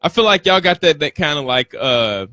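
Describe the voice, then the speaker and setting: A man's voice: a little high, animated, moderate pace, sharp tone, dry recording, faint music behind. A man hosting an interview in a casual, encouraging, slangy way, often repeating short affirmations. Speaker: interviewer, show host.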